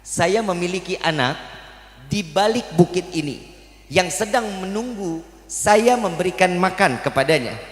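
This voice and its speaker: A man voicing a mother deer in a fable who pleads softly to be freed, with a long hall echo behind his voice. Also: sits high, animated, unhurried. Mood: pleading.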